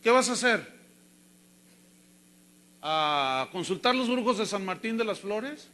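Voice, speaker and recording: Male Mexican pastor, sermon delivery, high and bright, storytelling with dynamic swings. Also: expressive, slow. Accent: Mexican Spanish. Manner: storytelling with acted quotes, swinging loud and soft.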